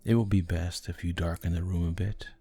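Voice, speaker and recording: Over background music, a man with a low, mellow voice guides a sleep hypnosis in a soothing, gentle, level tone with little rise or fall. He takes long pauses and sometimes softens into a breathy near-whisper.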